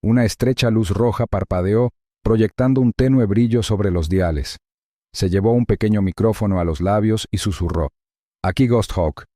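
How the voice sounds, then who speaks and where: Male narrator, mid pitch, mellow and dry, measured suspense reading. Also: no echo. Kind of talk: scripted narration.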